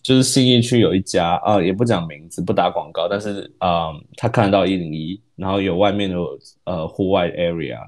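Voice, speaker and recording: Podcast co-host, Taiwanese man, Taiwanese Mandarin accent; low-ish, quick, rambling chatty delivery with English code-switching. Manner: rambling, self-correcting, mixes in English words, laughs often. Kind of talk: casual storytelling chat.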